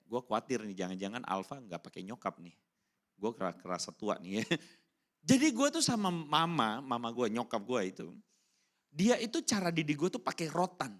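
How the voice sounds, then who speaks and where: Animated slang youth pastor, lively pitch. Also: male voice, moderate pace. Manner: animated, keeps asking the crowd rhetorical questions; slangy and informal, breaks into English phrases. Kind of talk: casual youth sermon. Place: church hall during a service.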